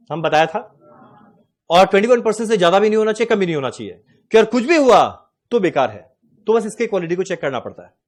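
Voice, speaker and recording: A man in his forties teaching a class, explaining with animated anecdotes and acting out dialogue. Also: high-pitched. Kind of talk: classroom lecture with storytelling.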